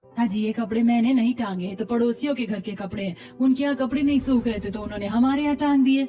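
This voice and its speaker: A woman's voice: on the high side, quick pace, dark tone, recorded from a distance, soft background music, close to an everyday voice. A woman voicing a hesitant, polite young wife in a cartoon, speaking in a placating way.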